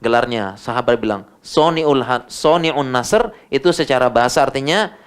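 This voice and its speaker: With a medium-pitched, clean voice at a moderate pace, a middle-aged Indonesian-accented man gives a casual religious talk and fields questions from the audience. He's lively and often repeats words to drive points home.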